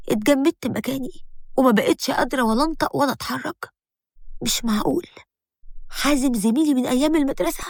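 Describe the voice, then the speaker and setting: A woman with an Egyptian accent narrating a first-person story in a brisk, dramatic way. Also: sits high, no room sound, studio quality. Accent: Egyptian Arabic.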